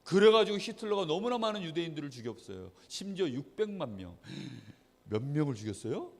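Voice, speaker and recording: A man preaching a children's sermon as pastor, animated storytelling, asking the children questions and acting out quotes. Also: on the high side, fairly quick, big-room sound. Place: church hall.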